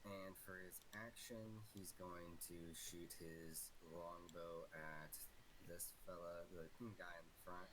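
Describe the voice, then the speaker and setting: A man playing a tabletop game, slowly and hesitantly describing his character's actions. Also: deep voice, flat delivery, noisy background. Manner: slow, hesitant, thinking aloud. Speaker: player.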